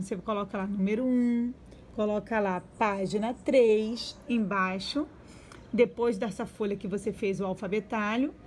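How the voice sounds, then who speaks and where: A woman teaching young children to read and spell, sounding out syllables slowly and clearly. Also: fairly high pitch, a little mellow, slight background noise. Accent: Brazilian Portuguese. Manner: slow, drawn-out sounding-out of syllables. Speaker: primary school teacher. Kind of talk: remote reading and spelling lesson for young children.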